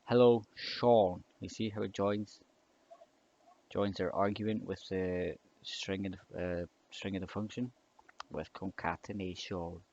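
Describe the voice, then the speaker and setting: Low-pitched and creaky, with little pitch movement and a slightly slow pace, a young scripting tutor talks through a casual coding tutorial. He hesitates and rambles, restarting often with many fillers; the dull lo-fi mic catches typing, mouse clicks and slight background noise.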